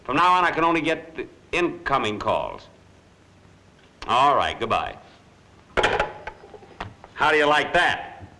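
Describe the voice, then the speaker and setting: An American actor playing a broke, dithering lawyer in 1940s screwball comedy banter, dry and stammering. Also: male voice, mid-range voice, big pitch swings, measured pace, pauses often, sharp tone, a little hiss or hum, heavily acted, rough recording. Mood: flustered, indignant. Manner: dry wisecracking, flustered stammering. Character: broke, dithering male lawyer, putting on a brave front. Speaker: lead film actor.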